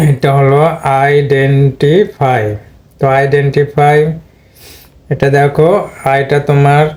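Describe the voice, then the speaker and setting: A man with a Bangladeshi accent teaching English pronunciation in a slow, deliberate lesson, drawing out and repeating each word he demonstrates. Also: medium pitch, darkish tone.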